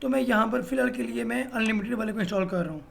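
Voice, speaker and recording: A man with a fairly high, gravelly voice walks through a software tutorial one click at a time. He explains each step plainly in a teacherly way, tossing in "भाई" as he goes. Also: very fast. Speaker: web design instructor. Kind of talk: screen-recorded software tutorial.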